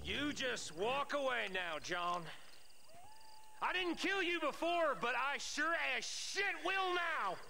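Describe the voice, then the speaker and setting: Western game villain: sneering American gang leader, slow and gravelly, threatening, faint noise behind. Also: male voice, very high-pitched, expressive, pushed and bright, soft background music, exaggerated voice.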